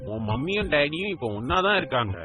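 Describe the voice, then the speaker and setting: A doting young uncle talks in a gravelly, lively voice with a lot of swing in the pitch. He coaxes his little niece with playful baby talk, and a crowd murmurs clearly behind him. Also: a little fast. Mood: coaxing. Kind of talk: audiobook drama acting.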